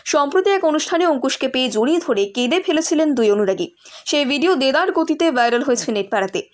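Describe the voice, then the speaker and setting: A woman's voice: high voice, animated, fast. A woman delivering scripted entertainment news narration as a voice-over reporter.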